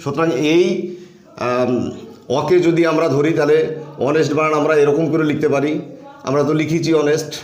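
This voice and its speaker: A male teacher gives a grammar lesson in a slightly higher voice, walking through each example patiently and repeating his key points. The room is echoey around him. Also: level tone, fairly quick, pauses often, darkish tone. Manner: patient and step by step, with repeated phrases. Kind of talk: grammar lesson explaining on a board.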